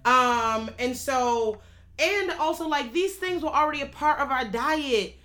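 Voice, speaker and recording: American woman, thirties, blunt, emphatic casual talker with a slightly high voice. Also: animated, measured pace, bright, forceful tone. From United States. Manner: frank and emphatic, swears freely. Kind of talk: casual conversation.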